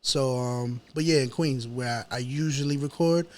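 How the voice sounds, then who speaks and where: A New York City man with a medium-pitched voice talks at a normal speed, appearing as a rapper guest on a podcast. The casual interview has him speaking informally, full of slang, and repeating himself.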